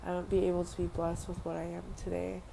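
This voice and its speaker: This Western Samoan vlogger talks quickly in a lowish, gravelly monotone during an earnest personal monologue. She repeats phrases and drops casual fillers, with noisy ambient sound in the background.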